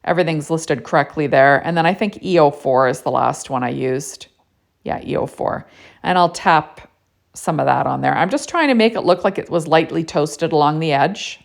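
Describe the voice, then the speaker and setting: A woman's voice: low voice, normal speed, creaky. A woman narrating a casual card-making tutorial in a chatty way, with lots of "you know" and "right?".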